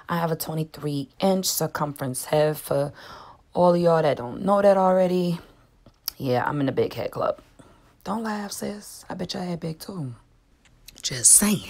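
A young woman from Alabama, chatting playfully to camera as she reviews a wig, calling viewers sis and boo and sometimes dropping to a whisper. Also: sits low. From Alabama, USA. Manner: playful and joking, calls viewers sis and boo, drops to a whisper now and then.

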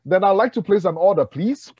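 A man's voice: sits high, expressive, a little fast, darkish tone, breathy edge, no room sound, dull audio, pitched above the performer's own voice. A man voicing an exasperated male pizza customer in a joke, protesting in a raised, incredulous voice.

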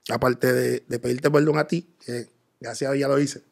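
A man's voice: medium pitch, fairly even intonation, moderate pace, vocal fry. A man telling an earnest personal testimony as an interview guest, quoting himself in dialogue.

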